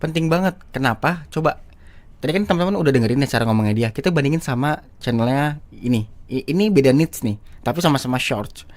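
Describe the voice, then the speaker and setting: In a quick, lively voice of medium pitch, a man teaches a casual screen-share lesson on talking for short videos. This YouTube public-speaking instructor is chatty and repetitive, full of fillers and restarts.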